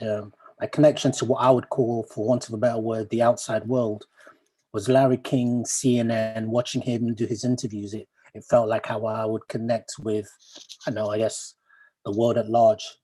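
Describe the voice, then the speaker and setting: A man from Uganda, a poet, giving a thoughtful talk over a video call, asking questions and pausing with ums and restarts. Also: lowish voice, level tone, dark tone, breathy edge, poor audio. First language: Luganda. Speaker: poet, guest speaker. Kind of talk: reflective talk to an online assembly.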